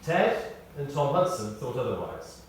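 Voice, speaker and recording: In a vast, echoing hall, a British eulogist with a mid-range voice reads a scripted memorial tribute laced with funny anecdotes. He tells it in a measured, storytelling way, his voice rising and falling with animation as he pauses and stresses key words. The mic sits at a distance, with faint noise underneath.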